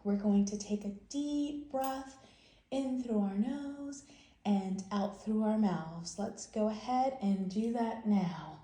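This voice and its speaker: In an echoing, roomy home recording, a woman leads a bedtime read-aloud for small children. She takes it slowly in a mellow, mid-range voice, keeping her phrases simple and emphatic and steering with guiding questions.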